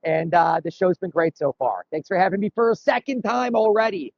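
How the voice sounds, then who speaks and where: A man joining an interview as a remote guest, talking in a relaxed, friendly way over dull, dry remote call audio. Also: sits high, fairly quick, creaky, no echo. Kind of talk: casual interview chat.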